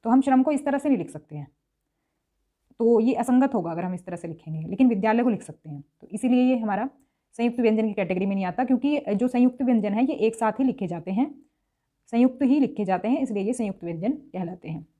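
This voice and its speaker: Here a woman with a fairly high, warm voice and lively intonation runs a classroom-style grammar lesson. She spells out each sound patiently, repeating it slowly to model the pronunciation.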